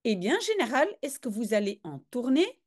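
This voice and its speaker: Chatty woman with a lively, high voice. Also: moderate pace. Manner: chatty and explaining, with frequent hesitations. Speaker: reader and language teacher. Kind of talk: casual reading lesson, translating a comic aloud.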